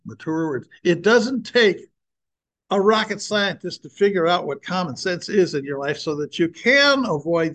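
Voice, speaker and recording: A man's voice: high voice, fairly bright tone. An older man speaking earnestly and with emphasis, preaching and sharing a personal testimony with his listeners.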